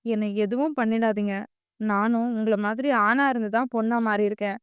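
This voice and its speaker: A woman's voice: on the high side, fairly even intonation, moderate pace, smooth, no room sound, studio quality, natural voice. A woman voicing a frightened young woman who pleads breathlessly for help, in an audio story. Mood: pleading.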